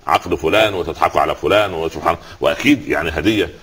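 A man's voice: low-pitched, racing, a bit bright, slightly rough. A man with an Egyptian accent, an Islamic scholar giving a religious talk, telling stories, quoting scripture and asking rhetorical questions.

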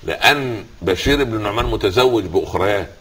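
A man's voice: lowish voice, expressive, quick pace, a bit bright, slightly rough. A man with an Egyptian accent, an Islamic scholar giving a religious talk, telling stories, quoting scripture and asking rhetorical questions.

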